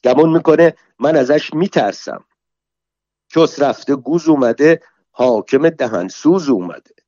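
A foul-mouthed, quarrelsome middle-aged woman, put on by a male reader, scolding and hurling insults in a loud, fierce voice. The recording is dull and lo-fi, in a dry room with no echo. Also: on the high side, lively intonation. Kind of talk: dramatic story reading.

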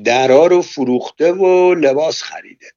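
A man's voice: a little high, mellow, voice pushed up, lightly acted. A man reading aloud and voicing a curious, wry male fellow prisoner who asks questions, in a dull lo-fi recording. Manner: inquisitive, wry.

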